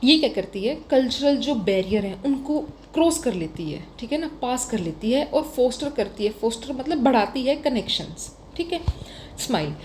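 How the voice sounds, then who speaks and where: Indian woman teacher with a higher voice. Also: lively intonation, normal speed, a little mellow, a little hiss or hum. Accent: Indian English. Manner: explains vocabulary with examples, frequent "ठीक है" fillers. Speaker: exam coaching teacher. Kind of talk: casual Hinglish lesson.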